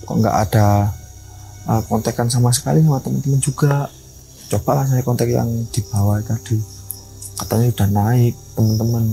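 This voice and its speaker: A young man tells a mountain story in an interview, slipping into the voices of the people in it. His voice is dark and mellow, with a mid pitch for a man. Soft music plays faintly behind him. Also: moderate pace, creaky, pauses often, low-quality recording. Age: young adult. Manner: lively storyteller acting out dialogue. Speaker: mountain ranger and guide.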